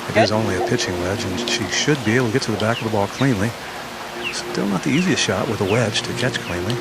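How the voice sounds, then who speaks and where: A man giving live golf commentary in a measured, explanatory way. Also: lowish voice, expressive. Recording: loud outdoor noise.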